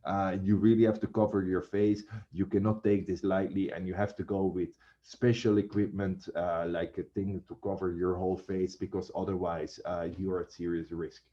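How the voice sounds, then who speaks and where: Low, mellow man teaching a class. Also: flat delivery, normal speed, few pauses, lo-fi sound. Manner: chatty, addresses students as guys. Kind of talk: classroom lecture.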